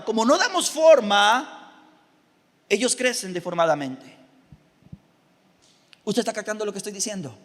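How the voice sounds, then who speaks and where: A pastor preaching a lively sermon, repeating phrases for emphasis and asking the congregation questions. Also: male voice, very high voice, long reverb tail. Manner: animated preaching with repetitions and rhetorical questions.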